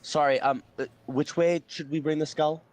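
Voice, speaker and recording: A man's voice: on the high side, steady tone, normal speed, a little hiss or hum. A man playing a tabletop game in character, polite and hesitant with frequent fillers. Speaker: player.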